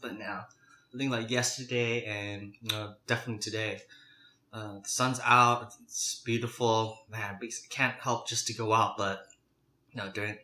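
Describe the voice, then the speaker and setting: A man with a fairly low, bright and forward voice chats casually as he eats, chewing between and during phrases. He sounds like a mukbang host, recorded in a roomy, echoey space. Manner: chewing and eating while talking. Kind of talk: casual chat while eating.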